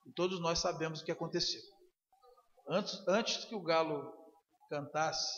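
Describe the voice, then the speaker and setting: High-voiced preacher in an echoey church. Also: male voice. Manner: dramatic storytelling, acting out quoted dialogue with big swings in loudness; asks the congregation for agreement with frequent "né?". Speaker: pastor. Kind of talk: sermon. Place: church sanctuary. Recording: muffled recording in an echoey hall.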